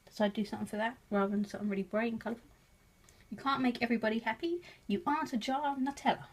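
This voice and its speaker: Fairly high and steady, her voice races along very fast in an English accent. She's a craft vlogger from England giving a casual, chatty show-and-tell of her crafts, full of giggles and jokes about herself.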